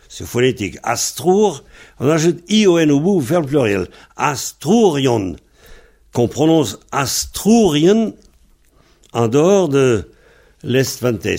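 With a mid-range, darkish voice that has a gravelly, creaky texture, the Breton teacher moves at an unhurried pace through a methodical lesson. He spells each word patiently, letter by letter.

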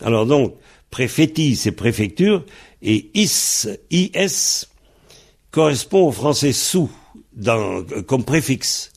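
A man leads a grammar lesson at an unhurried, deliberate pace, his voice gravelly and husky. He talks in halting steps full of fillers and stops to spell words out letter by letter. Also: medium pitch, very animated. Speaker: Breton language teacher. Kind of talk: slow explanatory grammar lesson.

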